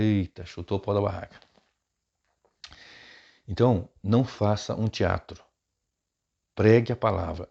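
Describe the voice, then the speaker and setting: Man, pastor, gravelly voice, casual off-the-cuff advice, muffled lo-fi sound. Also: fairly low pitch, darkish tone. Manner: casual, chatty, frequent tag questions. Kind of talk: unscripted preaching advice.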